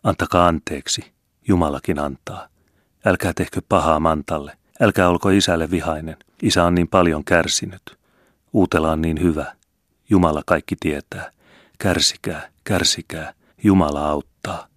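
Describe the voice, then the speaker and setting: A desperate young girl pleading in short, broken phrases, as a deep-voiced male reader puts her on. The voice stays very low, and the reading is dry and close. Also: slightly rough, dry recording.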